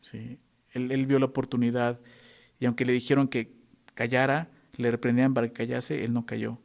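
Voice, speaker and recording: A man's voice: medium pitch, little pitch movement, moderate pace, vocal fry, a little mellow. A male pastor preaching a sermon, emphatic and full of rhetorical questions to the congregation.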